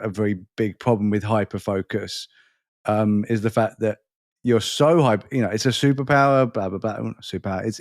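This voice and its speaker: A man's voice: on the low side, a little mellow, dry recording, studio quality. A middle-aged man with a London and Surrey accent, hosting a podcast in casual, rambling, self-deprecating chat. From England. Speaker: podcast host.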